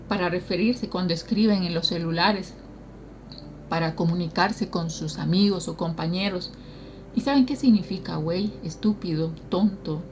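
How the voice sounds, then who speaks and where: A woman's voice: lowish voice, darkish tone, lo-fi sound, a little hiss or hum. A woman preacher from Bolivia, giving an earnest sermon and asking the congregation questions.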